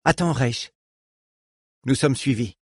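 A man voicing a blunt, sharp-tongued female bodyguard in an audiobook, curt and commanding. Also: medium pitch, slow pace, slightly rough, no echo, clean studio sound.

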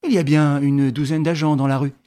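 A man's voice: fairly high pitch, little pitch movement, brisk, dark tone, natural voice. Arsène Lupin, suave thief, read by a man. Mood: ironic, assured. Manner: smooth, ironic, lordly. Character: suave young male gentleman thief.

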